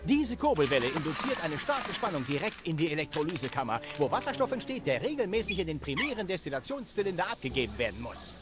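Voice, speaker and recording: Young science geek inventor, wordy, lively pitch, game dub. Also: male voice, loud music behind the voice. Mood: explaining. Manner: explains science in rapid technical jargon. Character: young male inventor, earnest and long-winded. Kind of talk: dubbed video game dialogue.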